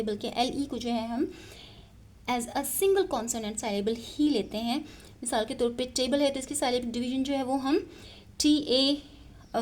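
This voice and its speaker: Woman teacher explaining, slightly high voice. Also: darkish tone. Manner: explanatory, with many pauses and fillers, spelling words out letter by letter. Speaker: English teacher. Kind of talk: explaining a lesson in Hindi-Urdu mixed with English.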